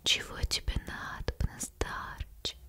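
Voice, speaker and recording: Storybook golden fish, woman reader: female, magical, calm and kindly, soothing whispered role-play. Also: takes it slowly, lightly acted. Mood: calm, reassuring.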